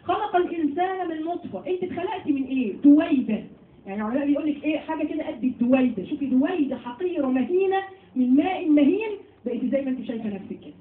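A woman with an Egyptian accent, teaching a Quran lesson to women, asking her listeners questions and reciting verses slowly. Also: high voice, animated, slight background noise. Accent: Egyptian Arabic. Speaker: religious teacher. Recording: tinny phone-like sound, echoey and far off.

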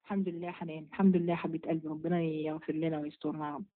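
Fast-talking Egyptian woman on a tinny line. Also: low voice, fairly even intonation, slight background noise. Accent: Egyptian Arabic. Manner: brisk, firm, motherly, blessing each asker by name. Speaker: religious teacher answering viewers' questions. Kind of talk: live question-and-answer session. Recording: phone-like narrow sound.

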